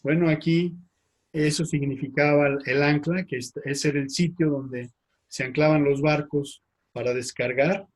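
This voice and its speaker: A man, a priest with a Mexican Spanish accent, giving a slide lecture, speaking haltingly with frequent fillers and tag questions. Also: a little high, fairly even intonation. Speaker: priest teaching.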